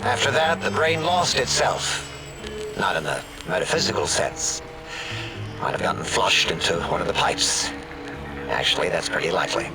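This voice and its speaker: An insecure, sardonic robot scientist whose pitch leaps about. The delivery is comic game acting, flippant and haltingly awkward, with music clearly behind it. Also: male voice, wildly swooping pitch, exaggerated voice, low-quality recording.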